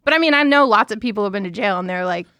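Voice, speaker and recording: A woman's voice: medium pitch, expressive, very fast, bright, forceful tone, clean tone, dry recording, studio quality. A woman in her twenties, a podcast guest, blunt and teasing, swearing a lot in casual banter. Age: 20s. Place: podcast studio.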